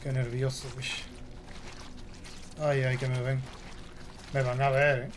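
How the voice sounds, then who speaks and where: A man with a Spain Spanish accent giving jumpy, excitable let's play commentary while he plays. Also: mid-range voice, slow, a little hiss or hum. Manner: jumpy, excitable, talks to himself. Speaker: gaming host.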